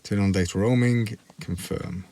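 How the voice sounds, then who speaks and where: Low-voiced man, casual demonstration. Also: steady tone, moderate pace, mellow, no echo. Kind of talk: casual chat, hands-on demonstration. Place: inside a motorhome.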